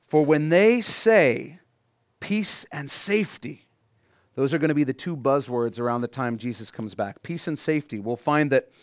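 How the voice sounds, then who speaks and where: A man preaching a sermon as pastor, reading scripture and explaining it, asking the congregation questions, rising loud on key phrases and dropping low and quiet to drive points home. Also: dry recording, studio quality.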